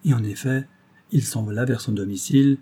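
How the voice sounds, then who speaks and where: A man narrating a novel in a measured storytelling way. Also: mid-range voice, mellow, husky. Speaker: audiobook reader.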